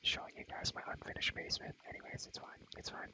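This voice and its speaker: Whispering with a breathy voice for ASMR, a young man chats loosely in slang as he tours a game world, softly saying his phrases again. His pace is fast.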